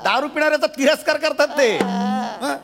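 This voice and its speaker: A man's voice: very high voice, moderate pace, creaky, crowd noise. A young man playing an indignant grown son who keeps questioning and protesting in exasperation. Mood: disbelieving. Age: young adult. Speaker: patient's son. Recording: loud music in the background. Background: loud music.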